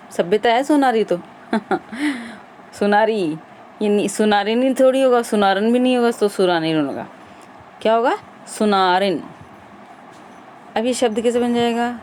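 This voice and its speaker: A woman's voice: medium pitch, darkish tone, a little hiss or hum. A woman teacher running an exam-prep grammar lesson, quizzing viewers and repeating the answers.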